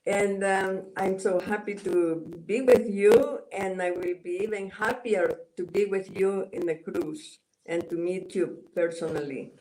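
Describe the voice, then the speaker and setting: A woman's voice: mid-range voice, unhurried, hardly any pauses, warm tone, slight background noise, low-quality recording. A woman from El Salvador with a Spanish accent, speaking English as a second language and answering interview questions over a video call, hesitant and full of fillers. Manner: hesitant, many filler sounds and restarts. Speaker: guest, Mayan elder. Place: home in Guatemala.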